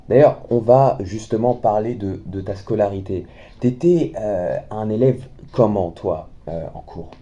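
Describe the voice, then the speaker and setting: A man hosting a casual interview, asking his guest teasing questions in a slangy, relaxed way. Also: fairly low pitch, a little slow, muffled recording. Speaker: host.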